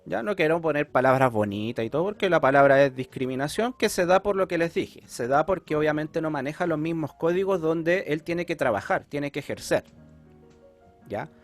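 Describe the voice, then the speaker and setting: A man's voice: on the high side, expressive, normal speed, soft background music. A man with a Chilean accent teaching an online class, explaining patiently and checking in often with his students.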